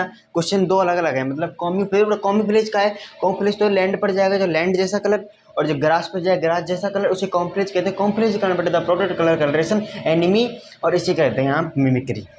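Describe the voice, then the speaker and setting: A man with a high-pitched voice teaches a science lesson at a whiteboard, speaking a little fast over slight background noise. He repeats his points, calls his students "beta," and keeps checking whether they've understood.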